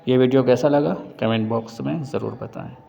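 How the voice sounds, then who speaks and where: Man with a dark voice, roomy reverb. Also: medium pitch, gravelly, highs cut off, a little hiss or hum. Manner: slow, deliberate word-by-word enunciation. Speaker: language teacher. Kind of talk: pronunciation lesson. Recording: long hall reverb.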